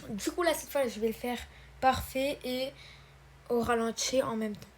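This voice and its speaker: A woman's voice: on the high side, normal speed, a little hiss or hum. A woman hosting a casual tutorial, talking hesitantly with many fillers and restarts. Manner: addresses viewers as "guys" and "brothers". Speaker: tutorial host. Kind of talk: casual screen-recorded tutorial.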